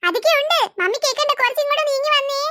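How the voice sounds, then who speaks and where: A mischievous cartoon boy, voiced by a woman, talking. The voice is very high and bright, recorded close and dry. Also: lively intonation, fast talker, dry recording, exaggerated voice. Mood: secretive. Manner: hushed, conspiratorial. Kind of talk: cartoon voice acting.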